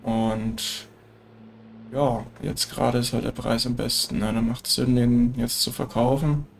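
With a little hiss or hum in the background, a mid-range, creaky male voice with a German accent speaks at a measured pace, nasal from a cold. He's a let's play gamer casually narrating his farming game, chatty and relaxed, leaning on filler tags.

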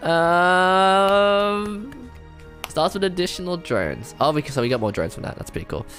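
A man giving casual let's-play commentary, thinking aloud, excitable and self-deprecating as he works things out. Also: mid-range voice, fast talker. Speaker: gamer playing a strategy game. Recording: faint game music behind.

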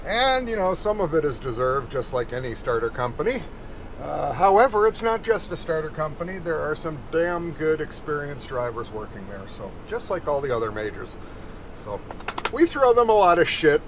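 A middle-aged man, a truck driver, chatting casually and joking to himself while driving in his cab. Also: on the high side. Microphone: camera mounted in cab. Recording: loud road and engine noise.

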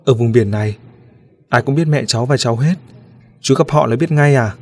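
Guy voicing a lonely little ghost kid, earnest and gentle, slightly raised pitch, spooky story reading. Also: brisk, close to an everyday voice. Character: lonely little ghost boy, a wistful servant child.

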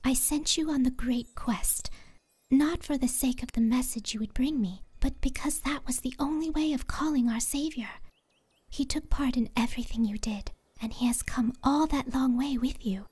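Give the fantasy audiobook a serene, otherworldly empress with a childlike air, acted by a woman. Her voice sits fairly high and is very breathy, close to a whisper. She speaks gently and in measured phrases. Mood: grave, calm. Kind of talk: fantasy audiobook character dialogue.

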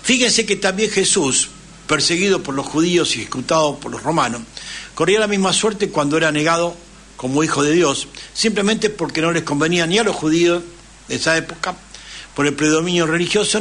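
A man's voice: fairly high pitch, animated, fairly quick, fairly bright tone, a little hiss or hum. A man with an Argentine accent, hosting a radio talk show and lecturing at length, often checking in with his listeners. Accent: Argentine Spanish. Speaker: radio host.

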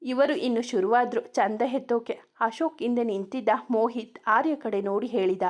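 Lady reading out a love story, kinda high voice, keeps it steady. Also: normal speed. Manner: narrates and speaks all characters in one voice. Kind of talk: reading a romance story aloud.

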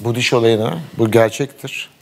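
A man's voice: mid-range voice, fairly even intonation, moderate pace. A middle-aged man in casual talk, telling a long funny story, acting out the dialogue and laughing often. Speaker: sports commentator guest.

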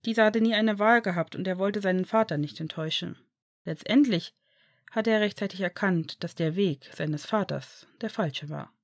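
A woman reading a fan fiction story aloud in an even storytelling manner. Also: medium pitch, moderate pace, dry recording, clean studio sound. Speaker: audiobook reader.

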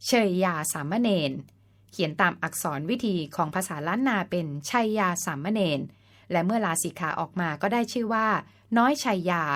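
A woman hosts a folk-tale channel, narrating a scripted story politely and explanatorily, ending phrases with the particle ka and sometimes spelling words out letter by letter. Her voice is mid-range and a bit bright.

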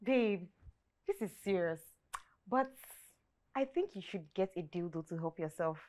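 An actress playing a playful, teasing best friend with a Nigerian accent. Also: female voice, lowish voice, lively intonation, a little slow, darkish tone. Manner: playful, cheeky.

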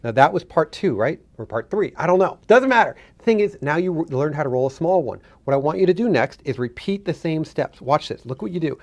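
A man's voice: on the high side, expressive, brisk, hardly any pauses, a little mellow. A middle-aged man giving a casual hands-on tutorial, instructing step by step and repeating himself for emphasis. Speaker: demonstrator, guest.

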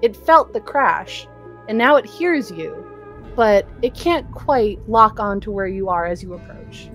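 A young woman guiding players through a tabletop adventure as its game master. She describes scenes calmly with casual fillers. Faint music sits behind her. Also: medium pitch. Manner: descriptive, unhurried, with laughs and fillers.

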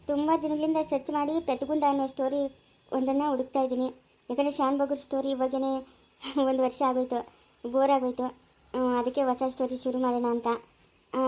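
Chatty fast-talking woman storyteller. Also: high-pitched, a little mellow. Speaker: storyteller of a family channel. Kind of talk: casual narration to viewers.

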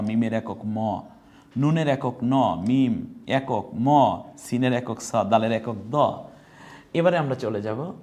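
A man with a fairly low, darkish voice teaches Quran reading in a step-by-step lesson on Arabic letters, patiently naming each letter and its dots one by one. He uses a slow, drawn-out chanted recitation.

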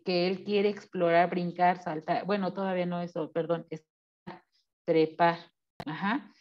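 A woman giving an online seminar talk, explaining slowly and putting questions to her audience. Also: medium pitch, highs cut off. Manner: slow, explanatory, asks the audience questions and acts out baby and mother voices. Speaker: seminar speaker.

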